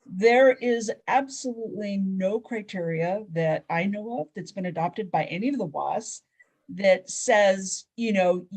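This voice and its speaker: Low, gravelly-voiced woman explaining policy. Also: a little mellow. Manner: explanatory, measured, with frequent fillers and restarts. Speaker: panelist. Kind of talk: panel discussion on a video call.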